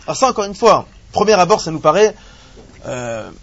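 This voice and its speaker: A man teaching a live Torah class to a small group of students, animated and joking, asking rhetorical questions as he explains a text. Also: high voice, brisk, no room sound, muffled recording.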